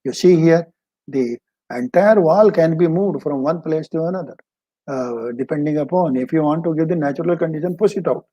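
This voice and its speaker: An older man with an Indian accent giving an informal slide lecture as an expert, speaking haltingly and repeating phrases. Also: fairly high pitch, warm tone, lo-fi sound. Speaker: agricultural expert giving a webinar talk.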